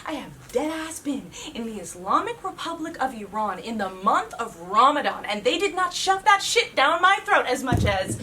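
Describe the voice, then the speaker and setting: A young woman doing a stand-up comedy monologue, profane and sarcastic, with an animated delivery. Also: sits high, moderate pace, hardly any pauses. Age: young adult. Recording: distant mic with loud room noise.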